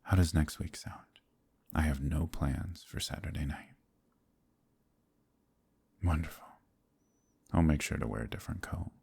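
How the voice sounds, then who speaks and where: This is a heavily acted performance of a gentle, troubled werewolf in romantic fantasy ASMR, given by a man with a deep, husky voice. He speaks softly and hesitantly, in formal, old-fashioned language.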